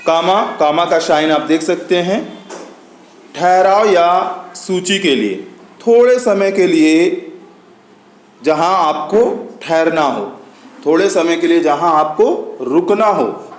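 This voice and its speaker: A man with an Indian accent explains grammar to students, going slowly and patiently and repeating each point. His voice sits high for a man. The sound echoes around the room. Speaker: teacher.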